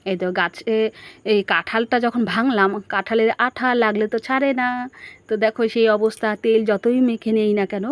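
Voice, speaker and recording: A woman's voice: fairly high pitch, steady tone, fairly quick, no room sound. A woman narrating a casual family vlog, chatting straight to her viewers and asking them questions. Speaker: family vlogger.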